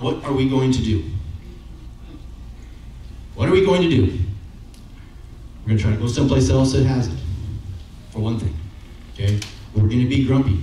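Warm and mid-range, the voice belongs to a middle-aged male preacher giving a relaxed, conversational sermon. Mic in hand, he paces the stage, regularly asking "okay?" and "right?" Recorded from far off by a camera, the audio carries heavy echo from the brick-walled sanctuary and a bit of faint noise.

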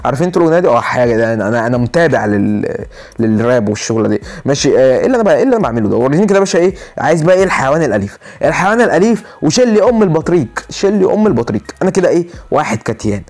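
A man with an Egyptian Arabic accent giving excitable live gameplay commentary, repeating himself rapidly and pleading and joking with his viewers. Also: on the high side. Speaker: gaming YouTuber.

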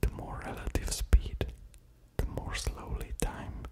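A man in his thirties, an ASMR creator, whispers a slow, deliberate physics lecture right at the ear. He's in a small, quiet room at home, speaking very close to a pair of studio condenser mics fitted with pop filters.

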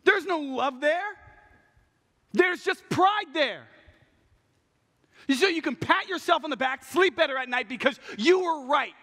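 Young male preacher, high animated voice, passionate sermon, big hall reverb. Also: unhurried, long pauses. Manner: passionate, animated, acts out what people say. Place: large church stage at a pulpit. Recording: long reverb of a large hall.

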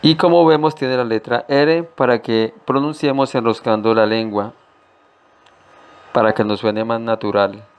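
Slow, deliberate male language teacher. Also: medium pitch, steady tone, smooth. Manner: slow and deliberate, repeating each word carefully. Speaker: English teacher. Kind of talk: slow-paced language lesson.

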